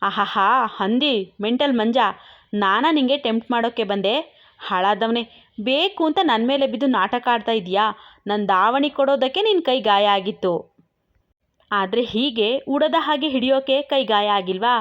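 Woman doing a fiery young woman, sharp tongue, high voice, muffled lo-fi recording. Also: animated, normal speed. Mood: scolding. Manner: scolding, name-calling, pleading. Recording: dull lo-fi recording.

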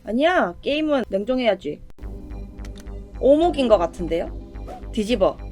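A woman's voice: fairly high pitch, sing-song, normal speed, darkish tone, soft background music. A woman giving casual let's-play commentary with playful exclamations and chatty self-talk. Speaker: game streamer.

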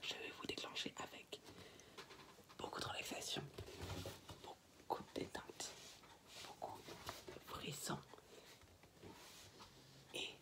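A young man hosts in a whispered ASMR style. His delivery is slow and deliberate, almost entirely unvoiced, with careful, repetitive announcements. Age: teens to young adult. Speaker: ASMR channel host. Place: small bedroom, indoors. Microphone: built-in device mic at arm's length, no external microphone.

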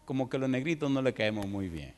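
A man's voice: medium pitch, fairly quick. A man from the preaching a sermon, telling stories vividly. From Dominican Republic. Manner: lively storytelling, acting out the people in his stories. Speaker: pastor. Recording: echoey hall.

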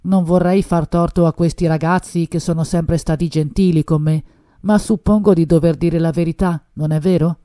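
Brief: a woman playing a fawning waiter, soft and agreeable. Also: fairly low pitch, fairly even intonation, moderate pace, dry recording, studio quality, natural voice. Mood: unctuous. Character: oily, deferential male waiter.

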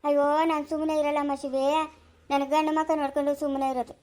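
A woman voicing a patient old grandmother who speaks gently and with resignation. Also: high voice, level tone, fast, natural voice. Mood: resigned.

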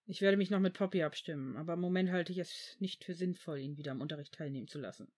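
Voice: mid-range voice, quick pace, natural voice. A reader voicing an angry, protective male potions master in a fan fiction audiobook, cutting and indignant. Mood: serious. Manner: cutting, indignant, shouting at times.

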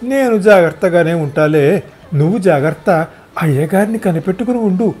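A man's voice: high-pitched, lively intonation, normal speed, darkish tone, husky, pitched above the performer's own voice. A man voicing a talkative, meddling elderly mother in a wheelchair, fussing over everyone in a storybook reading. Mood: chatty.

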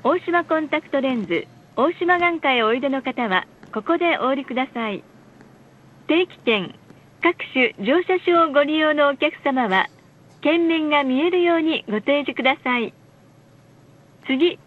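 Heard through a narrow, muffled onboard speaker, a female announcer with a very high voice reads recorded stop announcements and advertisements on a bus. She sounds formal, courteous and measured, with lively intonation.

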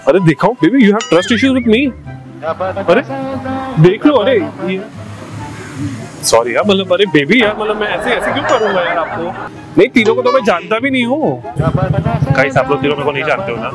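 A young man with a fairly high voice coos sugary baby talk into his phone on a park bench. He slips into coaxing, sheepish asides to the strangers next to him. Music plays loud underneath. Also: sing-song, moderate pace, pauses often, a loud crowd. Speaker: prankster. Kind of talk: pranking strangers by talking on a pretend video call.

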